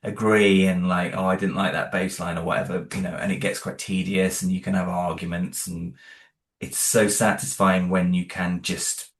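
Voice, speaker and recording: Low-pitched and flat, at a normal speed, a man chats casually in an interview about scoring and sound design for his audio drama. The talk wanders, packed with fillers and false starts, and he's self-deprecating throughout.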